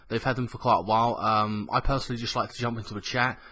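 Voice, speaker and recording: A man with a slightly croaky, under-the-weather voice, hosting a casual gaming news vlog in a rambling, colloquial, sweary way. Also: mid-range voice, steady tone, fast, pushed and bright. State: ill with a cough. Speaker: gaming news show host.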